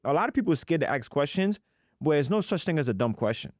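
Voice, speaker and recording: Animated, slangy man telling his story. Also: a little high, quick pace, dry recording, studio quality. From United States. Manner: animated, slangy, acts out quoted people. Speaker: podcast guest. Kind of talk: casual podcast storytelling.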